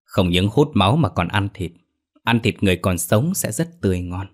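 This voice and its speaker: A man's voice: deep voice, lively intonation, normal speed. A man voicing a scheming male demon master who speaks in a cold, commanding way in a horror audio story.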